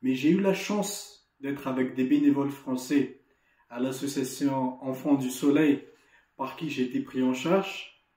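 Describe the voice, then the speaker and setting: Man, Malagasy accent, mellow voice, echoey room, motivational talk, video call. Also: medium pitch, unhurried. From Madagascar. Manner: earnest, encouraging, with frequent restarts and repeated words. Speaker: association delegate giving an opening lesson. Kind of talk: motivational speech to students.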